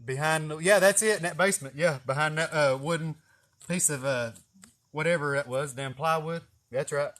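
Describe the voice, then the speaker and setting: A snake catcher with an East Tennessee Southern accent hosts a live video from a greenhouse garden, his voice fairly high, bright, and moderately paced. He chuckles as he rambles through folksy, profane stories in casual chat.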